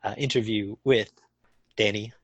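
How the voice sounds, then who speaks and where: With a voice on the low side, fairly even in intonation and at normal speed, a man runs an interview on his drag racing podcast. The recording is dry. He chats loosely with lots of fillers, his voice nearly gone as he recovers from a cold.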